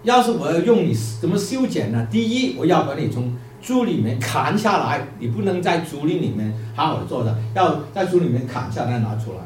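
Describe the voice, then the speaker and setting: A man's voice: a little high, very animated, a little fast, few pauses, a little mellow, a little hiss or hum. A man voicing the Lord as a stern, patient master who lays out his demands in a sermon parable. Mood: firm. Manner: firm, explaining. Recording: echoey room, distant mic, faint music.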